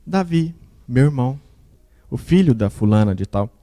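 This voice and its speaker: A man voicing a grown son who gently reassures his father, in a mellow tone. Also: mid-range voice, lively intonation, normal speed, close to an everyday voice. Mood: reassuring.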